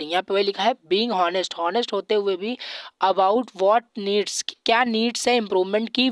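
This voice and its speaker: A woman giving an exam-focused lecture, repeating points and slowly reading out English terms. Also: mid-range voice, no echo, clean studio sound. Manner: frequent fillers and restarts, drops to a quieter voice at phrase ends.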